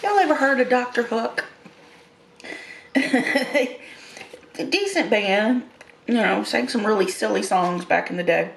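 A woman's voice: a little high, animated, takes it slowly, creaky, long pauses. A middle-aged woman chatting casually in a rambling, folksy way as host of an eating show. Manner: folksy, colloquial phrasing. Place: small room indoors. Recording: roomy echo with faint background noise.

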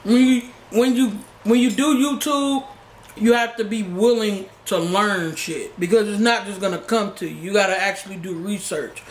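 Young adult YouTuber, medium pitch, blunt and slangy, casual Q&A chat, echoey living room, faint noise. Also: normal speed. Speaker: YouTuber host. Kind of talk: casual chatty Q&A. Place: small living room, indoors. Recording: roomy sound with background noise.

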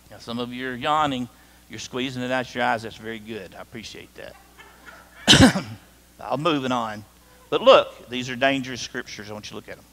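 A man's voice: mid-range voice, a little fast, a bit bright. A middle-aged man preaching a sermon as pastor, conversational and joking, speaking straight to his congregation. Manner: conversational, jokey, talks to the congregation directly. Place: church sanctuary. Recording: reverberant church hall.

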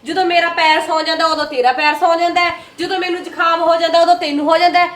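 A woman playing a sharp-tongued elder daughter-in-law who complains and argues with her father-in-law in a home comedy sketch. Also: very high voice, steady tone. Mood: angry. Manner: complaining, argumentative, quick to take offence. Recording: echoey, distant, faint background noise.

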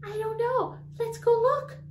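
A middle-aged woman hosting a lesson for toddlers, speaking in an exaggerated, encouraging way and pausing for answers. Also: very high voice, steady tone, echoey room, slight background noise. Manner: exaggerated, encouraging teacher talk with questions and pauses for answers. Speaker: children's educational show host. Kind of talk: toddler lesson addressed to children.

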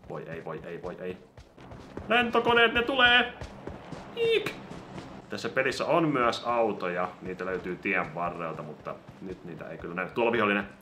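A man doing casual gameplay commentary on a mobile game, excitable and given to sudden yelps when startled. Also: sits low, hardly any pauses, a little hiss or hum. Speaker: gaming YouTuber.

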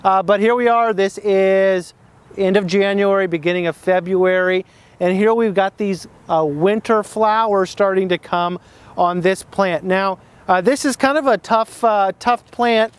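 A man with a high, smooth, resonant voice teaches plant identification outdoors. He talks unscripted and hesitant, with frequent fillers and restarts, and traffic can be heard somewhere nearby. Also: measured pace. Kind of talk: casual outdoor plant lesson.

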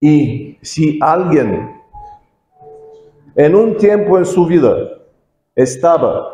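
A man preaching a sermon as an evangelist in a learned language, halting, with many pauses and restarts. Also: fairly high pitch, big pitch swings, mellow, reverberant, soft background music, poor audio.

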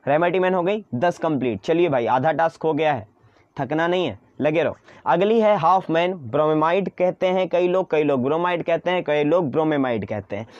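A man's voice: a little high, animated, moderate pace, a little mellow, no room sound, lo-fi sound. A man teaching an online chemistry lesson in mix, chatty and coaxing, often repeating his own questions to students.

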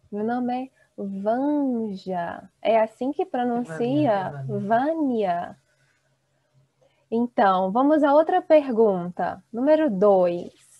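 A woman in her thirties teaching an online Portuguese class, slowly and encouragingly reading out students' chat replies. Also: a little high, dry recording. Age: 30s. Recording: dull, dry video-call audio.

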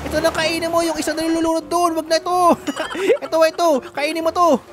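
A woman's voice: extremely high pitch, flat delivery, a little fast. A woman with a Filipino accent hosting her gaming channel, giving playful, giggly commentary on her game and often addressing viewers as "guys". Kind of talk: Roblox gameplay commentary. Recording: music playing under the voice.

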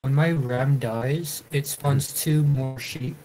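A man calmly explaining his game strategy in a matter-of-fact way during casual play. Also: mid-range voice, slow, crowd noise, rough recording. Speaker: gamer. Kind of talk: casual gameplay chat.

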